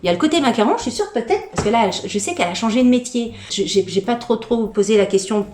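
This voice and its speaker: A fairly high-voiced woman chatting away in a casual unboxing, candid and gushing, tripping over her words as she goes. Her voice rings around an echoey room. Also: fast, a little hiss or hum. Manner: gushing excitement. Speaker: lifestyle vlogger.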